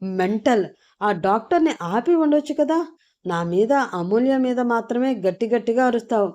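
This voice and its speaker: A woman's voice: a little high, animated, moderate pace, dark tone, dull audio, pitched above the performer's own voice, close to an everyday voice. Woman doing a teasing, scolding young friend.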